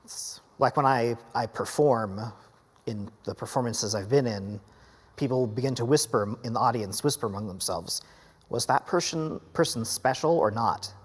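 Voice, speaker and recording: A man in his late thirties speaking in a documentary clip, halting often with fillers as he thinks. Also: mid-range voice, slightly rough, big-room sound. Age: 30s. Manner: halting, many pauses and fillers.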